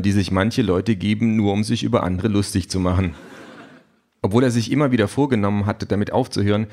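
A man's voice: lowish voice, darkish tone. A man narrating an audiobook with a dry, ironic delivery.

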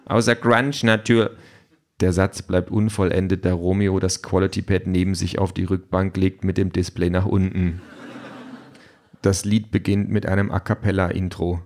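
A man narrating an audiobook in a measured, wry storytelling manner. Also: low voice, completely flat delivery, mellow.

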